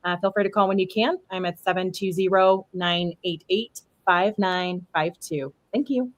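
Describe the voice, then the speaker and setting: A woman leaving a brisk, upbeat voicemail for a property seller, ending with a callback number. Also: lowish voice. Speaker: real estate caller returning seller leads.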